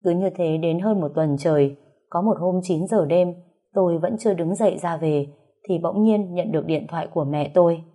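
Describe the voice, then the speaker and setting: Female audiobook narrator; earnest and reflective, low pitch, mellow tone. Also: normal speed. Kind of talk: dramatic story reading.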